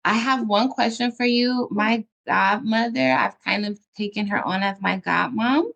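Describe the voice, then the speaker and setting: Gravelly-voiced enthusiastic woman host. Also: a little high, a little slow, a bit bright, highs cut off. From San Francisco Bay Area. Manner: enthusiastic, effusive, many fillers. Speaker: interview host. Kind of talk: casual video interview.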